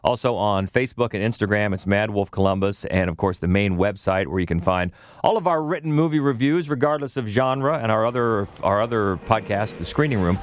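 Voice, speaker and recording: A man's voice: lowish voice, brisk. A man co-hosting a podcast in a casual, conversational interviewing style.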